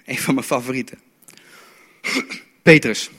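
A man's voice: mid-range voice, unhurried, a bit bright, slightly rough. A man preaching a sermon as a story, often stumbling and repeating words as he goes. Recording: long reverb of a hall.

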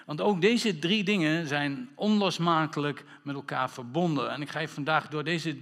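A man's voice: a little high, moderate pace, creaky. A man preaching a sermon as pastor, playful with wordplay and calling for amens from the congregation. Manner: lively, playful wordplay, calls for amen. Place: church hall. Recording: reverberant church hall.

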